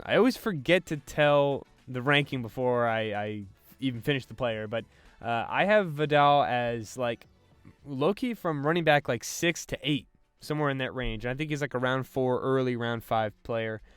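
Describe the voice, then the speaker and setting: A man hosts a sports podcast, breaking down draft prospects in a loose, casual way full of fillers and restarts. His mid-range voice is clean and moderately paced, with no echo and faint music in the background.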